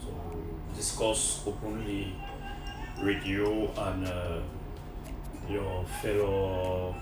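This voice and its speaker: Cameroonian guy talking real slow, deepish voice, far off in an echoey room w music behind. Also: level tone. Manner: slow and halting, many fillers. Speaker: interview guest, French teacher. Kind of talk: casual interview.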